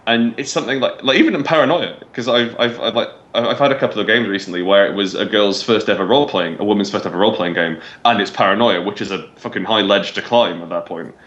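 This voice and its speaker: A man chatting casually as a game master, rambling with many restarts and quick laughs. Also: on the low side, fairly bright tone, muffled recording. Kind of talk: casual podcast chat. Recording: roomy echo.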